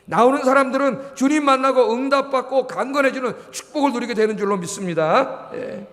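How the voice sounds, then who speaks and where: A man's voice: very high voice, a little fast, a bit bright. A middle-aged male pastor preaching at a Friday prayer service, exhorting his congregation with rhetorical questions and prompting them for answers. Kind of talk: sermon. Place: church sanctuary. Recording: long hall reverb.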